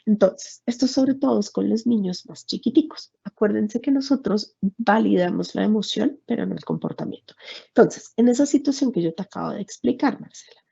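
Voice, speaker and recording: A woman, calmly explaining emotions to parents in a workshop talk. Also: medium pitch, moderate pace, creaky, slightly rough. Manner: calm, explanatory, addresses the moderator by name. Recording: dull lo-fi sound.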